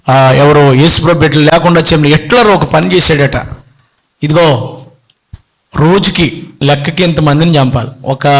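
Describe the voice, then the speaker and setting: A middle-aged man preaching a sermon, telling stories with acted-out voices and swings between loud pleading and quiet speech. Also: fairly high pitch. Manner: animated storytelling, acts out voices, pleading shouts. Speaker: bishop preaching.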